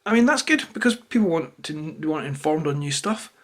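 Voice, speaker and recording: A Scottish man talks straight to camera in a notably high voice for a male speaker. He rambles through an unplanned, opinionated rant, sounding irritated and swearing freely as he goes. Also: lively intonation, brisk, fairly bright tone. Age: adult, parent of a toddler. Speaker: YouTuber. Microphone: camera held or placed close to him.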